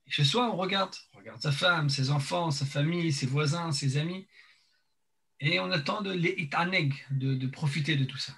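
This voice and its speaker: A man teaching an informal religious lesson, speaking haltingly and searching for words, his mouth half numb from dental anaesthetic. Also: on the high side, fairly bright tone. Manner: hesitant, repeats and searches for words.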